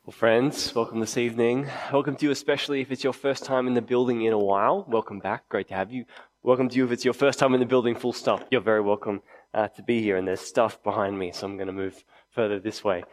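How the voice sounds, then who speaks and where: A man's voice: mid-range voice, steady tone, quick pace. A man preaching a sermon to a congregation in a conversational way, repeating key phrases for emphasis. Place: indoors, church meeting before a congregation.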